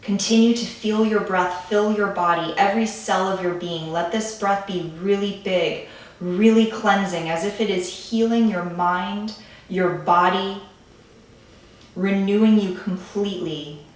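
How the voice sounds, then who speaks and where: A medium-pitched woman guides a calm grounding meditation, gentle and soothing, leaving pauses between phrases. She sounds distant from the mic in an echoey room.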